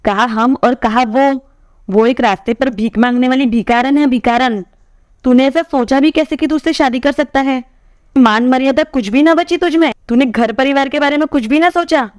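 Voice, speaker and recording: A woman's voice: a little high, expressive, normal speed, clean tone, dry recording, studio quality, natural voice. Woman playing Aarti, a fierce scolding sister. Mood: angry scolding. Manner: sharp, scolding, rising to loud outbursts. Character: angry scolding older sister, proud of family honour.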